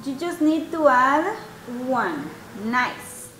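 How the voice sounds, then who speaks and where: Woman, English teacher, high voice, unhurried, patient, on a video call in an echoey room. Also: sing-song, very noisy. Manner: patient, asks students questions, mixes Spanish and English. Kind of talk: online class teaching.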